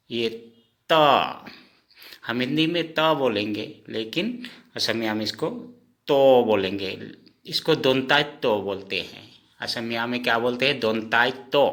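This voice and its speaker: A man teaching a lesson, repeating each sound slowly and asking his own questions before answering them. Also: medium pitch, fairly bright tone. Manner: often says "okay friends". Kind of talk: slow spoken lesson.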